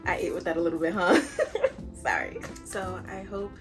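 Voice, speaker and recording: A woman's voice: fairly low pitch, fairly even intonation, moderate pace, loud music behind the voice. Young woman vlogging, recorded on a phone. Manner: chatty and earnest, with laughs. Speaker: fitness vlogger. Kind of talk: casual talk to camera.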